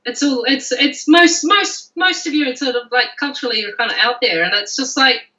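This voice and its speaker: A woman with a New Zealand accent, a guest author chatting casually, animated and quick to laugh, often restarting her phrases. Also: high-pitched, echoey room, dull audio. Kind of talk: casual video chat.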